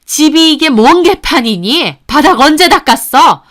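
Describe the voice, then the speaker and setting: A woman plays a nagging older mother-in-law in an audio story, high in pitch. She scolds and finds fault with everything she sees. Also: expressive, a little slow, fairly bright tone. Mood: scolding.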